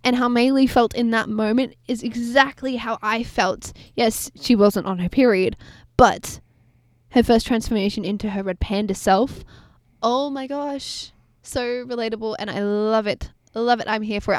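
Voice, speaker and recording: A woman co-hosting a film podcast, chatting casually and gushing excitedly, rambling with fillers and apologizing for ranting. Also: mid-range voice, moderate pace, dry recording, studio quality. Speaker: podcast co-host.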